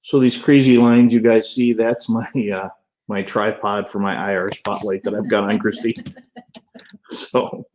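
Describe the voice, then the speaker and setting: A man's voice: on the low side, steady tone, a little slow, darkish tone, a little hiss or hum, poor audio. A man on an investigation team, chatting casually on a live stream as he gives directions and relays viewer questions.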